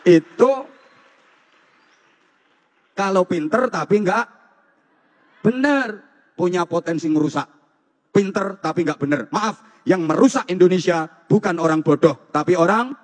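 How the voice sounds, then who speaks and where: A man's voice: fairly high pitch, unhurried, long pauses. A man with a Javanese accent giving a humorous sermon to students, teasing his audience and repeating phrases in a rhythmic, jokey way. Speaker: preacher. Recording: long hall reverb.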